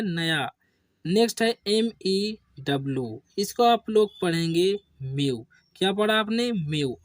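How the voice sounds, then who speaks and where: Male teacher for a kids' spelling lesson, slow and patient, quizzes and then drops low on each answer, dry close sound. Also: no echo. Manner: addresses viewers as children. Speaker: English teacher.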